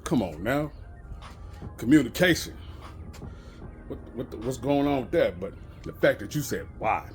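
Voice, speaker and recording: A man's voice: mid-range voice, lively intonation, normal speed, soft background music. A middle-aged man telling a profane story about work in a casual vlog rant. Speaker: bus driver.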